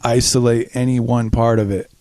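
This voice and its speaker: A man's voice: medium pitch, little pitch movement, normal speed, warm tone, no echo. Easygoing reflective male co-host. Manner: reflective, easygoing, brief agreements. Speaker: podcast co-host. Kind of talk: casual podcast chat.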